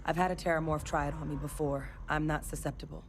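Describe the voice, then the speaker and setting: An actress playing a seasoned, steady female officer in a video game, speaking in a businesslike, explanatory way. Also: low-pitched, fast, a little hiss or hum. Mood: grave, instructive. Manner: businesslike, explanatory, urgent under threat.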